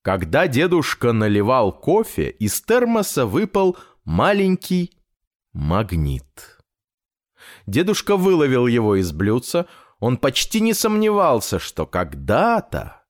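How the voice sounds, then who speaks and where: A man narrating a children's audiobook in an expressive, unhurried storytelling manner. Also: medium pitch.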